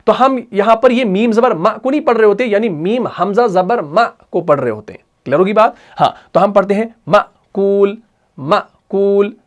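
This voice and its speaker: A man with a high, light voice teaching the rules of Quran recitation. He asks his own questions and answers them. He breaks off to sound out single letters and to recite verses slowly. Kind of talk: tajweed lesson.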